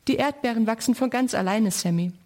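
A woman reading the part of a gentle mother, reassuring her child in a storybook reading. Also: on the high side, brisk, close to an everyday voice.

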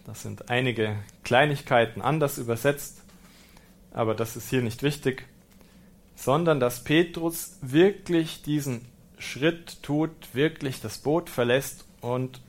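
A male priest gives a sermon, reading scripture aloud and then reflecting on it. He explains patiently and calmly, with touches of gentle humor. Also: medium pitch, slow pace. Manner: German-speaking preacher.

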